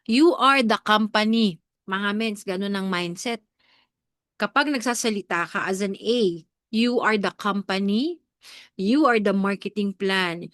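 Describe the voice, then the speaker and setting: Slightly stuffy from allergies, this Filipino-accented woman runs a live network marketing training, switching between Tagalog and English and coaching the audience with frequent questions. The studio-quality recording is dry, and her fairly bright voice sits on the high side.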